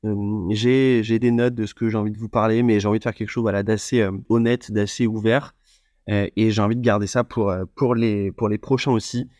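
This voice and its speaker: A man's voice: fairly low pitch, level tone, brisk, darkish tone, no room sound, studio quality. A man hosting a solo podcast, talking without a script and hesitating often, with many fillers and restarts. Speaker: podcast host. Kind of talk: unscripted solo podcast talk.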